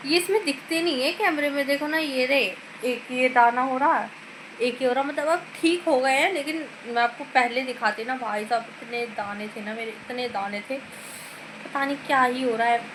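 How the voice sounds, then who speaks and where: A woman vlogger chatting to her phone camera in a rambling, casual way. She keeps calling her viewers guys and speaks softly because her mouth is sore. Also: high-pitched, moderate pace, background noise. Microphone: phone camera filming herself.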